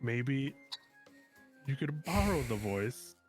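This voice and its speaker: A man's voice: medium pitch, sing-song, takes it slowly, over music. A man talking casually, partly in character, as a player in a tabletop game.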